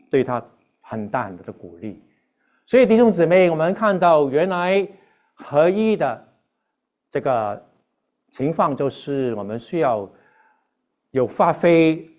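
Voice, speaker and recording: A man preaching to a congregation. His voice sits at an ordinary male pitch, and he speaks earnestly, halting and restarting as he goes and slipping English terms into his sentences. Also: a little mellow. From Hong Kong. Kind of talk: sermon with personal testimony.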